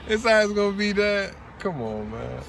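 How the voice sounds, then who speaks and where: A young man in a parked car, bantering and teasing in a relaxed way. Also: high-pitched, normal speed, vocal fry, a crowd in the background. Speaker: vlogger, younger brother. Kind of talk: casual chat. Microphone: phone camera on the dashboard, at a distance. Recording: distant voice with outdoor traffic noise.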